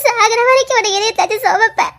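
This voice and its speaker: A woman's voice: very high-pitched, fairly quick, a bit bright. A woman with a Tirunelveli accent playing a heartbroken young woman who pleads tearfully with her lover. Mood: pleading, tearful. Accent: Tirunelveli Tamil. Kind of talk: comedy skit drama.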